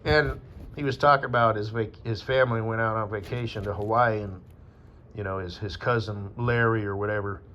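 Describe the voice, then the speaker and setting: A man's voice: on the low side, fairly even intonation, fairly quick, fairly bright tone. A man from Wyoming talking in a rambling, casual monologue, meandering with fillers and swearing. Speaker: vlogger. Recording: dull lo-fi with faint ambience.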